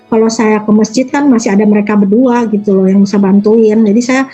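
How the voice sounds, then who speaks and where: A woman's voice: mid-range voice, fairly even intonation, a little fast, dark tone, slightly rough, highs cut off, soft background music. A woman in her forties in an interview, telling stories casually and chattily, acting out the people she quotes. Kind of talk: casual storytelling.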